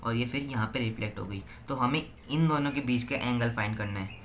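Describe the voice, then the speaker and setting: A teenage boy tutoring, working through a physics problem step by step and reading each number out slowly. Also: mid-range voice, a little hiss or hum. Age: teens. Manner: slow, step-by-step, reads numbers out one by one. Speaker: student tutor.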